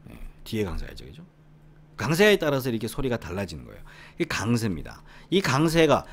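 This is a middle-aged Korean man from the Gyeongsang region, explaining English study at a relaxed teaching pace. His pitch rises and falls in lively swings. He keeps asking the listener to agree, repeats words for emphasis and now and then drops into a near whisper. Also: slightly rough. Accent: Korean with Gyeongsang roots. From Gyeongsang region, South Korea. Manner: conversational, often seeking agreement with the listener. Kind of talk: explanatory lecture.

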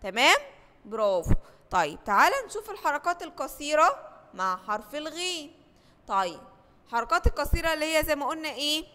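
A woman with an Egyptian accent leads a lesson for young children in a bright, high voice. She asks question after question, answers them herself and stretches out each example word slowly. The voice rings with a long reverb. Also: very animated. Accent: Egyptian Arabic. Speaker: primary school teacher. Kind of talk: recorded lesson for first graders.

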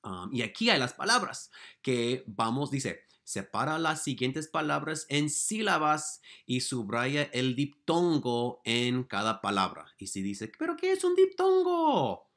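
A man teaching young children, patient and bilingual, moving between Spanish and English. He speaks slowly with a lively, swinging pitch. He sounds like a classroom walkthrough given to kids at home. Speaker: elementary school teacher.

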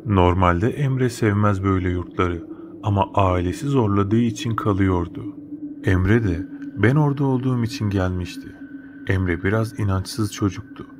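A man narrating a first-person horror story in a casual, slangy, matter-of-fact way. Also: fairly low pitch. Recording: noticeable background noise.

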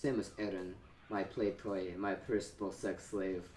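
A smug, menacing alien space-pirate villain, as a man puts him on. His low voice drips with mock menace in a theatrical, hammy delivery. It sounds roomy and echoey, with a faint hiss underneath. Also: little pitch movement, normal speed, a little mellow, close to an everyday voice. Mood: gloating.

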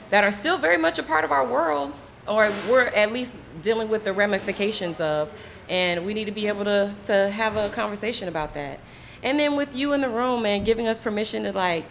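A woman's voice: medium pitch, fairly bright tone. A woman actor talking reflectively and earnestly in a roundtable discussion.

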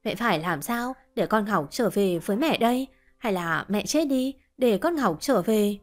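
A woman's voice: medium pitch, expressive, normal speed, lightly acted. A woman voicing a desperate, grieving older mother who pleads through sobs. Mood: wailing. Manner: sobbing, pleading.

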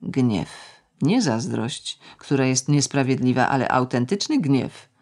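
Audiobook narrator, scripted reading, measured, reflective, mid-pitched voice. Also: expressive, a little mellow.

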